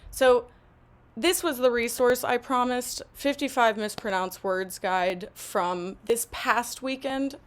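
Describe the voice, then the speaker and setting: Female English tutor on a live stream, deliberate and encouraging delivery. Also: fairly high pitch. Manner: slow, deliberate, encouraging speech. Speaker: English teacher hosting a live session. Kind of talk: live online English lesson.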